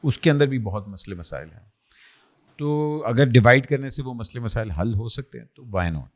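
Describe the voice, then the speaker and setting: A man's voice: mid-range voice, lively intonation, normal speed. A middle-aged man with a Pakistani Urdu accent hosting a podcast interview, friendly and teasing, mixing English into his questions. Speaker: podcast host. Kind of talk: casual interview chat.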